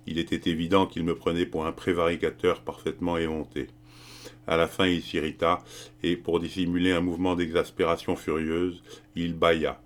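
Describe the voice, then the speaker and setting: Deep-voiced man narrating an audiobook. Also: flat delivery, moderate pace.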